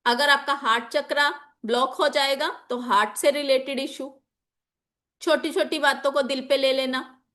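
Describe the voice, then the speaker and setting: A woman's high-pitched, steady, fairly bright voice moves at a normal speed through an informal spoken lesson with examples. She teaches an online class on chakras and magical oils, and despite a slightly sore throat she explains each point in turn, repeats key phrases, and uses English terms.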